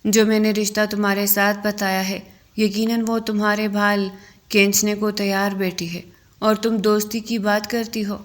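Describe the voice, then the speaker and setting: A woman's voice: medium pitch, flat delivery, natural voice. A woman voicing a teasing, secretive young husband in a story reading. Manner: confiding, muttering.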